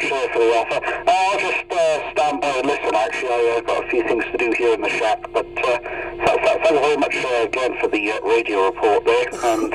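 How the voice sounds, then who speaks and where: A man with a mid-range voice calls in on CB radio, exchanging signal reports in an informal chat laced with procedural jargon. The distant reception is very noisy, with loud radio noise behind him.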